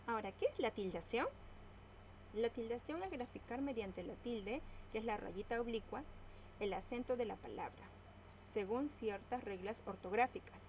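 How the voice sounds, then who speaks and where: A woman teaching a grammar lesson, slowly spelling out words and stressing each syllable. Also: mid-range voice, darkish tone, a little hiss or hum, rough recording.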